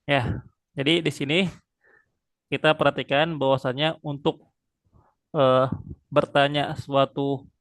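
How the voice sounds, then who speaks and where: An Arabic teacher gives an online one-on-one language lesson, his medium-pitched voice fairly bright and recorded dry and close with no room sound. He drills patiently and slowly, often adding pious interjections.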